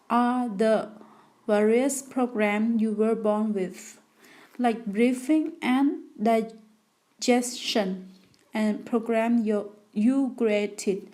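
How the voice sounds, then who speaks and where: A woman narrating a self-help audiobook, reading slowly and carefully with small restarts. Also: fairly high pitch, dark tone.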